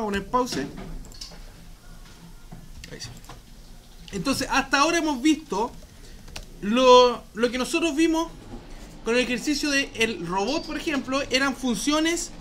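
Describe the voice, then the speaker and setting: Chatty Chilean teacher with slangy asides. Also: male voice, extremely high pitch, sharp tone, slight background noise. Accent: Chilean Spanish. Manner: slangy, chatty, asks "¿ya?" often. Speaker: programming teacher. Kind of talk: live class, casual explaining. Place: classroom.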